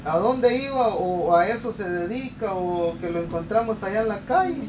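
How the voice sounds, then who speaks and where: A man's voice: high-pitched, expressive, moderate pace. A man in his thirties with a Guatemalan accent, hosting a charity vlog outdoors, earnest and speaking straight to viewers. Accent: Guatemalan Spanish. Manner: earnest, religious phrases, addresses viewers. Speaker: host of a charity video channel. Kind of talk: casual vlog narration and interview. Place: outdoors in a rural yard under trees. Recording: outdoor recording with traffic noise.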